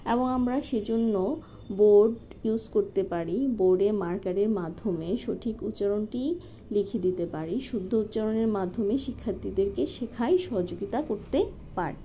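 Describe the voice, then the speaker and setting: A woman calmly walking through a lesson plan step by step, as a teacher-training instructor. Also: mid-range voice, normal speed. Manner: methodical, step-by-step with occasional fillers. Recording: slightly dull lo-fi recording with faint noise.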